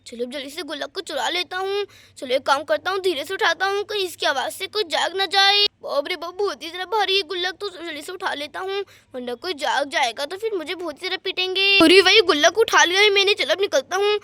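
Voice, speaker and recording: A woman's voice: extremely high pitch, fast talker, bright, forceful tone, no room sound. A woman voicing a sneaky, gloating male thief in a doll story, with mocking laughs. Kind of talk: doll story role-play.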